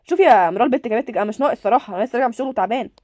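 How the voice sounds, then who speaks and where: A woman voicing a stern, tired middle-aged father in a game role-play, speaking with an Egyptian Arabic accent in a gruff, dismissive way. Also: on the high side, rapid-fire, darkish tone, no room sound, studio quality, lightly acted. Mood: annoyed.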